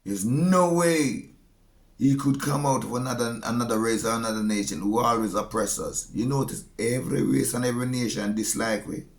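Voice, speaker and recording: A man with a Jamaican accent speaks in a slow, deliberate way, as if preaching. He drives his points home by repeating phrases. His voice sits at an ordinary pitch and rings in a roomy, echoey space. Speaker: speaker giving a monologue. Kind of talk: preachy spoken monologue.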